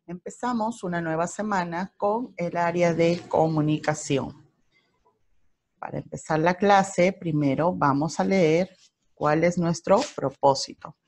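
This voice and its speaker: A woman with a Peruvian Spanish accent teaching a recorded primary school grammar lesson, explaining slowly and carefully with worked examples. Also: fairly low pitch, darkish tone.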